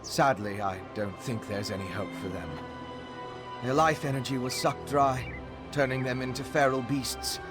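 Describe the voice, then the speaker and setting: A male actor with a medium-pitched, lightly acted voice plays a wry, self-mocking vampire scholar in a video game. He sounds musing and self-deprecating, with background music underneath.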